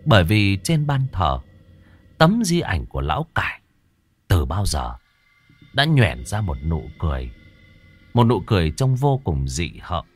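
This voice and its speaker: A man narrating a ghost story with a dramatic, lively delivery. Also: sits low, measured pace, long pauses, faint music behind.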